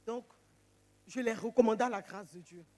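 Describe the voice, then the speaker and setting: A woman giving an emotional church testimony, animated, acting out the phone calls she tells about. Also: fairly high pitch, moderate pace, in a large hall.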